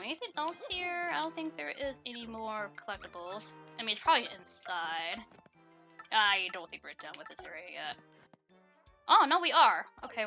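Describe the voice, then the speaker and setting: A woman giving casual, giggly gameplay commentary, chatting with lots of fillers. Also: medium pitch. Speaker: let's play gamer.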